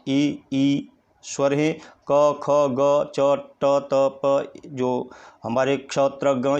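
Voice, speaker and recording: A man's voice: medium pitch, a little mellow. A man teaching a recorded Hindi grammar lesson, repeating each definition and spelling out letters one at a time.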